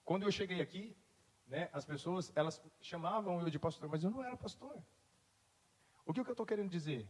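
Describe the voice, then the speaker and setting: Man in his thirties, pastor, sermon, fairly high husky voice, long church-hall echo. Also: brisk. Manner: conversational storytelling rising to emphatic declarations.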